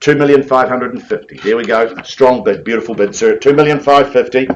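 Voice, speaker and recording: A man's voice: medium pitch, fairly quick, lo-fi sound. A man working as an auctioneer at a live property auction, repeating bid figures and coaxing bidders along.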